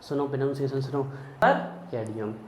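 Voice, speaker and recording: A man's voice: medium pitch, steady tone, a little fast, a little mellow. A man teaching chemistry in a classroom lecture, chanting mnemonic lists in a sing-song rhythm. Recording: echoey room, dull lo-fi sound, faint hiss.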